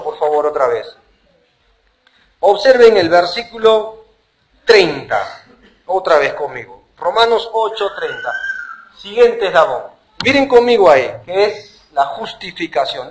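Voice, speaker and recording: A man preaching a sermon as pastor, emphatic, with rhetorical questions and sudden drops to a quiet voice. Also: high voice, rough recording. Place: church.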